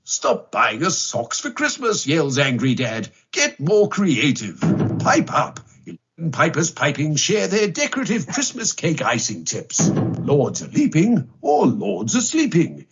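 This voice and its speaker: A jolly old Santa with a husky, gravelly voice that swoops wildly up and down. He talks slowly and booms out hearty ho-ho-hos. The sound is muffled and lo-fi, as if it comes from a small smart speaker. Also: huge pitch swings, exaggerated voice. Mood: announcing. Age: older. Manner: hearty, slow, sing-song delivery with big ho-ho-hos. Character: jolly old Santa Claus, booming laugh.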